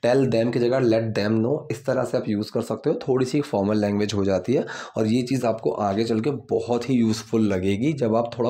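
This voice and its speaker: A Hindi-speaking man with an Indian English accent teaches English grammar in a relaxed, mellow voice. He works through each rule patiently, asking a question and answering it himself. He stretches out every English example sentence slowly so learners can follow. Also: mid-range voice. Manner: asks himself rhetorical questions and then answers them. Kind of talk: explaining grammar step by step.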